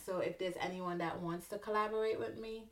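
A young woman from Antigua with a Caribbean accent, a musician guest in a casual interview, chatty and quick to laugh as she acts out her stories. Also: mid-range voice, steady tone.

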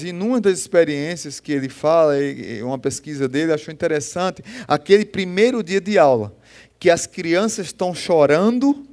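A man preaching a sermon, impassioned, swelling and dropping in loudness and acting out voices as he tells stories. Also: a little high. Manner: impassioned, rising and falling in loudness; acts out quoted voices in storytelling.

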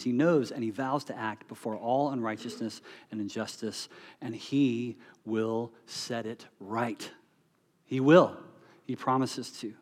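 A man preaching an earnest sermon, building to emphatic peaks and then dropping to quiet, soft phrases. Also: mid-range voice. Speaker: pastor.

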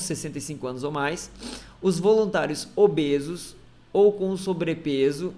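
Guy reading a science article out loud, kinda high voice, chatty asides between the lines. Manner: reads text aloud with casual asides and restarts. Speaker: presenter explaining a health study. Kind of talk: reading and explaining a news article.

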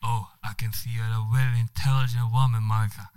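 A man's voice: mid-range voice, flat delivery, darkish tone, smooth, lightly acted. A man voicing a flirtatious Spanish male diplomat with a put-on Spanish accent and flowery, broken English. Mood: flattering. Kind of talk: comedic story reading.

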